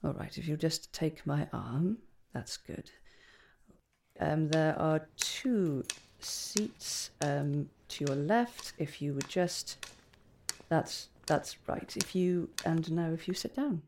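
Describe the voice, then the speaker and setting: A woman doing a calm teacher telling a legend. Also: sits low, slight background noise, exaggerated voice. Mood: kindly. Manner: measured, gentle storytelling cadence. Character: calm older female principal adept teacher. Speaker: teacher figure in an audiobook. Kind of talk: audiobook character reading.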